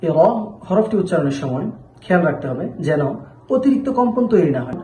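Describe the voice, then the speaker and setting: A man's voice: on the high side, very animated, quick pace, mellow, reverberant, poor audio. A man giving a patient pronunciation lesson, drawing out each letter sound as he demonstrates it. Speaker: Arabic letter teacher.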